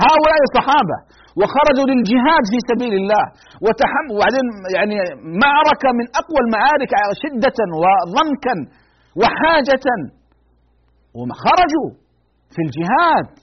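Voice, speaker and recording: A man's voice: very animated, a little fast, slight background noise. Emphatic man giving a religious lecture. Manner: emphatic, repeats warnings, shifts between low grave tones and raised pleading. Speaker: lecturer on the Prophet's biography. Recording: dull lo-fi recording.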